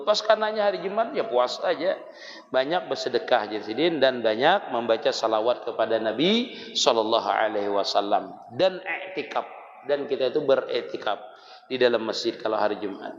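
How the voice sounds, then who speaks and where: A man with a Banjar Malay accent gives a casual religious lesson, explaining in a folksy, conversational way with frequent chuckles. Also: mid-range voice. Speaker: religious teacher. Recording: dull lo-fi recording in a reverberant hall.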